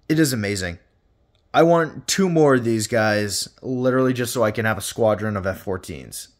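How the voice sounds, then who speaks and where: A man chatting casually through a toy review with playful swearing, his voice carrying a noticeable room reverb. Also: lowish voice.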